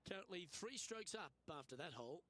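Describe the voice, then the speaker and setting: Measured male golf play-by-play announcer. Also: high voice, lively intonation, bright, forceful tone. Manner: measured, announcer-style delivery. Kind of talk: scripted sports commentary.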